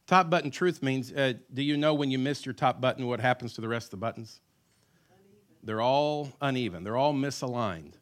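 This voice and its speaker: A man's voice: mid-range voice, moderate pace. A man delivers a Sunday sermon from the pulpit. He preaches in a folksy, humorous way and calls on the congregation to answer him. His voice is picked up on a mic in a church sanctuary. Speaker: pastor.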